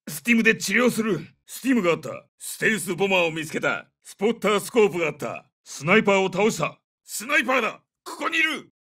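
A seasoned special forces captain from a military video game. His voice is sharp and tense, fairly high for a man and highly varied in pitch. He fires off terse, commanding battlefield callouts. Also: far from the mic. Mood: urgent, shouted. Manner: terse, commanding radio-call delivery. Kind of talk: military shooter combat callouts.

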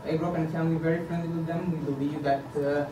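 This Egyptian man in his thirties is running for the board and delivers his campaign pitch from a podium in a meeting room, speaking very fast in a fairly high voice with little rise or fall. He is earnest but stumbles often and leans on fillers. A distant camera records him, so the audio is echoey with hiss underneath.

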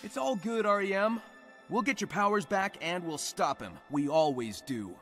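A man's voice: high voice, expressive, moderate pace, fairly bright tone, faint music behind. A man voicing a cocky, easygoing young hedgehog hero in a video game, breezy and confident with an American accent. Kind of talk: video game cutscene acting.

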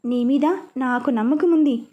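A woman voicing a caring, anxious middle-aged mother who speaks gently and reassuringly. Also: sits high, normal speed, phone-quality sound, close to an everyday voice.

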